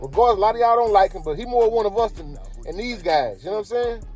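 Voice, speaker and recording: A man's voice: high voice, lively intonation, quick pace, a little mellow, faint music behind. A man hosting a casual commentary vlog, talking in slang and throwing rhetorical questions at his viewers. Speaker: commentary channel host.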